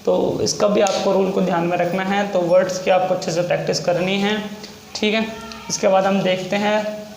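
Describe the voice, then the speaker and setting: A man's voice: high-pitched, flat delivery, creaky. Male tutor, repetitive and patient in delivery; echoey room, faint hiss behind. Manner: repetitive, spells words out slowly for learners. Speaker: shorthand teacher. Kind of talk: classroom lesson.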